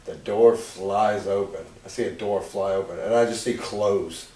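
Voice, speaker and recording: A man hosting a casual podcast, telling stories with loud acted-out quotes and casual swearing. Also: lowish voice, moderate pace. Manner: animated storyteller, acts out quotes loudly, swears casually. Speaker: podcast host. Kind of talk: casual chat, storytelling. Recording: echoey room, far from mic.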